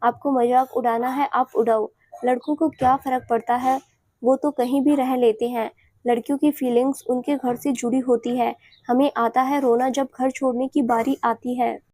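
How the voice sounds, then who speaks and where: A woman's voice: high-pitched, flat delivery, normal speed, mellow, no echo. A woman voicing an emotional, affectionate young newlywed woman, sweet and pleading in a storybook reading. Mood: upset.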